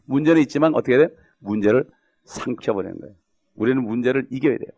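Gravelly fast-talking male pastor preaching. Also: medium pitch, warm tone, muffled recording. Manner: gravelly, fast-talking, rhetorical questions to the congregation. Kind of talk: sermon.

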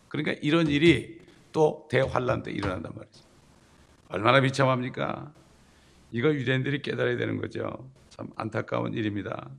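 A man preaching a sermon, emphatic, with sudden loud bursts and rhetorical questions to the congregation. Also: medium pitch, gravelly. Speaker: pastor.

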